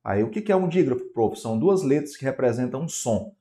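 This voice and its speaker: Brazilian man, mellow voice, teaching grammar. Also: medium pitch, animated, a little fast. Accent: Brazilian Portuguese. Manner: asks questions in a student's voice and answers them himself, with frequent tag questions. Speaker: exam prep teacher. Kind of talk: classroom grammar lecture.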